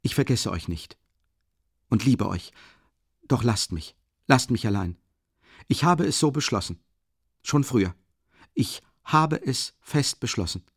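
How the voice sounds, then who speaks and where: A man reading the part of a pale, brooding young man who insists on leaving his family, halting and intense. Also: medium pitch, lively intonation, slightly rough, dry recording, clean studio sound, pitched above the performer's own voice. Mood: anguished.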